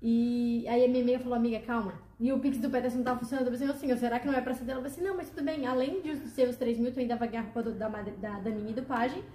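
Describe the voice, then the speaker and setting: A high-pitched woman talks quickly and eagerly. She acts out every line of dialogue with feeling. Her voice is mellow in tone and sits in an echoey room with a little background hiss. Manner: animated, emotional retelling with quoted dialogue. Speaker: guest telling her testimony. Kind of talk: casual storytelling.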